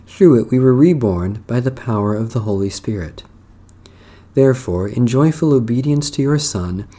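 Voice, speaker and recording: A man with a dark, mellow voice of middling pitch leads a worship service. He reads prayers, psalms and scripture as a clergyman would, in solemn, measured phrases. His delivery is declamatory and formal, set out line by line.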